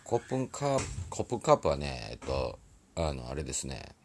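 A man's voice: rumbling low, very animated, fast, a little hiss or hum. A man with an Osaka accent, a musician chatting casually on a live stream from a recording studio, rambling and apologizing, often laughing. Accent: Osaka dialect.

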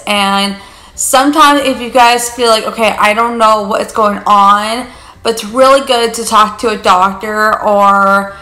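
A woman's voice: medium pitch, sharp tone, roomy sound. A young woman talking to camera in a casual vlog, rambling chattily and filling her talk with "like" and "you guys". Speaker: vlogger. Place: living room on a leather couch.

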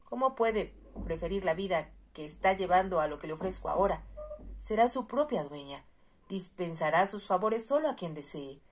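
An indignant young marquis full of aristocratic pride, as a woman narrator reads him in a low, husky voice. He speaks forcefully and sounds exasperated, as in a storybook reading. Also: animated, normal speed. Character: proud angry young male marquis.

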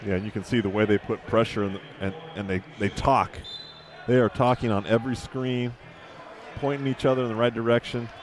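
A man's voice: mid-range voice, fairly even intonation, brisk. A man working as a color commentator, giving conversational basketball analysis and repeating phrases for emphasis. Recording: noisy indoor arena. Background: arena noise, bouncing basketball.

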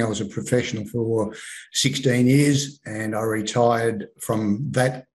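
An Australian man in his sixties, an author, telling stories in a relaxed way with frequent ums and restarts over a video call from his home lounge room. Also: fairly low pitch, low-quality recording. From Melbourne, Australia. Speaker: author guest. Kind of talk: casual interview. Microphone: video call webcam.

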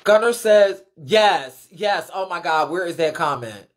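Answering viewer comments in an unscripted live rant, this American woman speaks a little slowly with a fairly low pitch and lively intonation. The streamer, who comments on the ballroom scene, is blunt and emphatic, with heavy swearing and repeated phrases.

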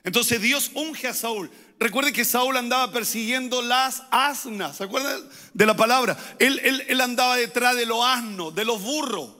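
A man's voice: very high voice, moderate pace, pushed and bright. A man, a pastor, preaching a sermon with emphatic, repeated phrases and rising intensity. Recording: hall reverb.

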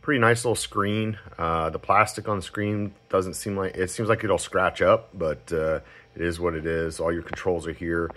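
Low-voiced man, halting and informal. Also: fairly even intonation, a bit bright. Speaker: amateur radio hobbyist reviewer. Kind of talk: casual unscripted product demonstration. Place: cluttered indoor radio room at home.

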